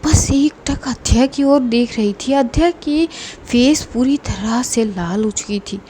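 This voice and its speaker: A woman narrates a romance story with breathless drama. Her voice is high yet mellow, with faint background noise. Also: takes it slowly.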